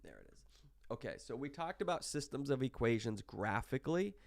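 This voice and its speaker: A man's voice: mid-range voice, big pitch swings, a little fast, gravelly, no echo, studio quality. A sick man with hiccups, casually talking through a recorded online math lecture with many fillers and restarts. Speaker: math instructor.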